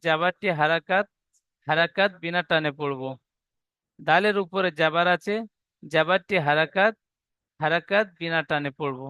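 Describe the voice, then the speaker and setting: Man teaching an online class, high bright voice, drags out each letter when he spells. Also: smooth, no echo. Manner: slow drawn-out spelling, then brisk explaining. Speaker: Arabic reading teacher.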